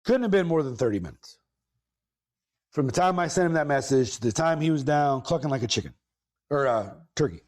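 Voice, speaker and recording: A man, hosting a podcast and telling a long casual story, rambling and correcting himself as he goes, with lively bursts of emphasis. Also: on the high side, a little fast. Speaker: podcast host.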